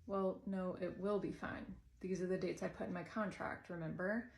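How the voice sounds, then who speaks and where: A woman's voice: fairly low pitch, fairly even intonation, moderate pace, gravelly, darkish tone. A woman acting in a comedy skit, firm and assertive, recorded in an echoey room. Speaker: teacher and comedy skit creator.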